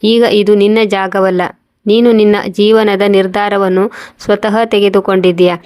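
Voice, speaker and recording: A woman's voice: mid-range voice, flat delivery, moderate pace, darkish tone, no room sound, clean studio sound, close to an everyday voice. A woman reading the lines of a stern, dismissive younger brother in a storybook tale, firm and cold.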